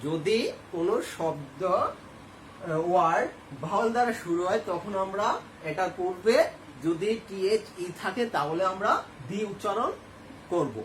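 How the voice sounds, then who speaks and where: A man's voice: high voice, a little slow, pauses often, a little hiss or hum. Male teacher in an echoey room. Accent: Bangladeshi Bengali. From Bangladesh. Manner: explains step by step, asks and answers own questions. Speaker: school English teacher. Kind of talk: classroom lesson to students. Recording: echoey room, faint ambience.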